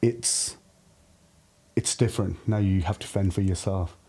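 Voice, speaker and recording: This early-thirties podcast guest from Lahore, Pakistan, speaks at a measured pace in a low-pitched, dark, husky voice with a steady tone. He tells personal stories candidly and reflectively, recorded on a studio podcast microphone in a podcast studio.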